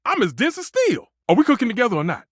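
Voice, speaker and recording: A male actor playing a passionate, dramatic, flirtatious living stove who works as a chef, with a theatrical, expressive delivery in a dating video game. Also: extremely high pitch, fast talker, no room sound, studio quality, full character voice. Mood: flirtatious, eager. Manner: theatrical, expressive, swinging between exclaiming and murmuring. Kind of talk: voiced dating video game character lines.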